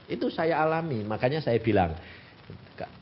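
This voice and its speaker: A man's voice: mid-range voice, expressive, moderate pace, a little hiss or hum. A man in his eighties with a Javanese accent, preaching a sermon and often asking his congregation rhetorical questions. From Central Java, Indonesia. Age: 80s. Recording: dull lo-fi recording.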